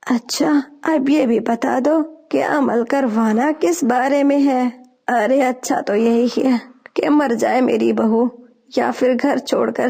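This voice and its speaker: A woman's voice: on the high side, gravelly, dark tone. A woman voicing a spiteful, bossy old female sparrow mother-in-law who scolds.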